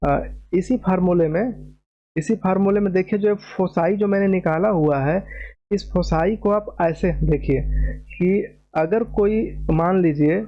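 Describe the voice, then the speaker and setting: A man's voice: high voice, dull audio. A man teaching a maths lecture, explaining step by step at a board, patiently repeating key terms and checking that students follow.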